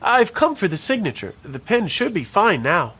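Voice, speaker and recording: Sarcastic young detective, high voice, very animated, game voice. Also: male voice, normal speed, slight background noise, full character voice. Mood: wry. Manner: dry sarcastic asides. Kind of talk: game voice acting.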